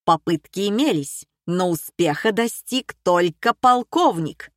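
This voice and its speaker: A woman voicing a touchy, pedantic male expert who lectures in a precise, measured way, read slowly in a dry room. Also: on the low side, expressive, no echo. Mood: lecturing.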